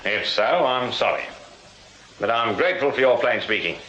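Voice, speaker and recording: Casting: unyielding English police sergeant, Victorian, mid-pitched, wry and commanding, muffled roomy radio drama sound. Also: male voice, expressive, sharp tone. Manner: measured, wry, commanding questioner. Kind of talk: period detective radio drama acting. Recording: roomy, muffled recording with heavy background noise.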